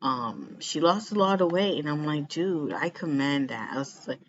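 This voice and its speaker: A vlogger talks casually to the camera in a rambling style, repeating phrases for emphasis. The voice sits in the mid-range with lively intonation and a moderate pace, though the recording is muffled and lo-fi with background noise.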